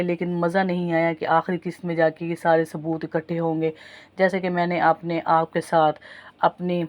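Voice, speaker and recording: A woman with a low voice talks her viewers through a TV drama's plot in a casual recap. Her delivery stays flat and level, and she calls her audience friends as she goes. She often stops to correct herself. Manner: retells plot at length, addresses viewers as friends, frequent self-corrections. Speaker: TV drama reviewer.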